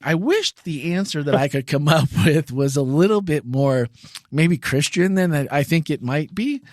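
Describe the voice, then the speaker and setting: A man's voice: on the high side, lively intonation, moderate pace, no room sound, studio quality. Chatty man hosting a church podcast. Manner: chatty, laughs often, many restarts. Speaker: podcast host. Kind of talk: casual church podcast chat.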